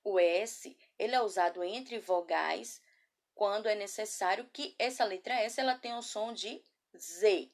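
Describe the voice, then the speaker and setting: A woman teaching a children's class from a camera, patient and affectionate, asking guiding questions and sounding words out slowly. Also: medium pitch. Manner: patient, slow syllable-by-syllable spelling. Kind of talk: remote class lesson. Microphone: laptop or phone camera.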